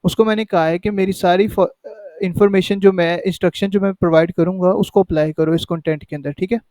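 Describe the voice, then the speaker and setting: A man's voice: high-pitched, steady tone, quick pace, darkish tone. A man hosting a casual step-by-step tutorial, talking conversationally and often checking in with the listener. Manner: conversational, repeats "ठीक है" to check in. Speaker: tutorial host. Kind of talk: casual screen-recorded tutorial.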